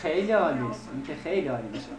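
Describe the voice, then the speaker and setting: A man teaching an Arabic recitation class, speaking slowly and deliberately and repeating words to correct pronunciation. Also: fairly high pitch, lively intonation, over a noisy crowd. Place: seminary classroom. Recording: roomy classroom echo.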